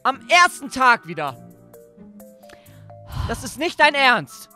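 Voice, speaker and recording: A man's voice: very high voice, very animated, slow pace, bright, forceful tone, faint music behind, heavily acted. A man voicing a stressed, strict father in a Roblox role-play, exasperated and scolding. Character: stressed, strict young dad.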